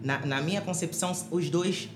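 A woman from Rio de Janeiro, Brazil, speaks at a moderate pace in a lowish voice against a noisy background. Her personal testimony as a podcast guest is full of fillers and restarts. The recording comes from an echoey room with music behind.

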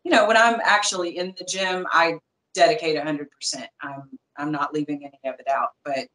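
A woman's voice: sits low, fairly even intonation, a little fast, a bit bright, low-quality recording. A woman in her thirties with a light Southern US accent, a former boxer chatting as a guest, rambling with lots of fillers and restarts. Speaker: guest, former boxing champion. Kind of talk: casual interview chat.

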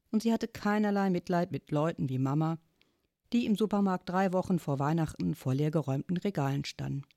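A woman reading a children's chapter book aloud in a calm storytelling manner. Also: sits low, no echo, studio quality. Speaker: audiobook reader. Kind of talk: scripted story narration.

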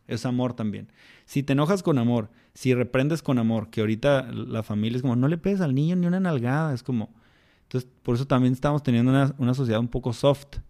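A man's voice: medium pitch, darkish tone. A man with a Mexican accent, a mentor of children, talking in a casual interview in a colloquial, reflective way full of slang. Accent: Mexican Spanish.

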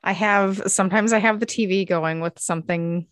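A woman's voice: mid-range voice, moderate pace, no echo, clean studio sound. A woman co-hosting a podcast, chatting casually and rambling with lots of fillers from her craft room at home. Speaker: podcast co-host. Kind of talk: casual chat.

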